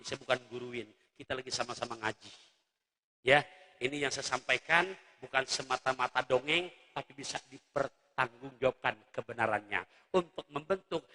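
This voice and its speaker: A male preacher giving a jokey religious lecture, talking straight to the mothers in his audience and swinging between soft asides and shouts. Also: mid-range voice, long reverb tail.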